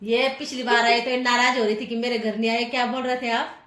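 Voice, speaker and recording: A woman's voice: a little high, level tone, a little fast, fairly bright tone. A woman vlogging casually on a handheld phone, chatty and laughing often as she visits old friends. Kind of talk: casual vlog narration. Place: walking around a neighbourhood, indoors and out.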